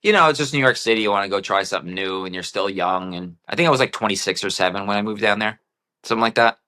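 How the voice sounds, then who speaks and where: A man's voice: lowish voice, fast talker, bright, forceful tone. A middle-aged man as an interview guest, laid back in casual chat, swearing and saying yeah a lot. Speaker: guest musician.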